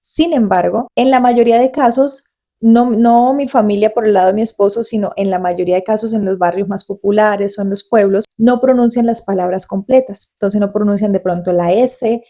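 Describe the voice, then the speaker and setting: A Colombian woman in her forties who talks quickly and conversationally to the camera as a Spanish tutor hosting her own channel. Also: mid-range voice, dark tone. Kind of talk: casual talk to camera.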